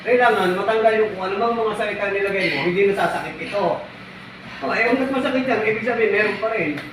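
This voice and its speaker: High-voiced man acting as a folk healer, firm and scolding, repeating commands again and again. He is heard from a distance in an echoey space with loud background noise. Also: fast talker. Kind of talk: ritual healing commands. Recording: echoey, distant, noisy ambience.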